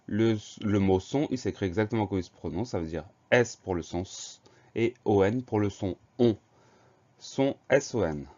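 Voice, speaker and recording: A man's voice: on the low side, expressive, moderate pace, mellow, highs cut off. A man teaching a children's spelling lesson, patiently explaining words and spelling them out letter by letter.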